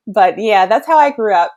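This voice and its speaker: In a slightly high, darkish voice, a guest in her thirties from the south Chicago suburbs, a pediatric kidney doctor, chats in a casual interview. She is thoughtful and earnest and laughs often.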